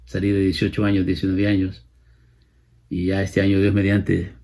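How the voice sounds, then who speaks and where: A Salvadoran-accented man in his late fifties preaches a sermon, expounding scripture and repeating phrases for emphasis. His deep, mellow voice stays monotone at a moderate pace.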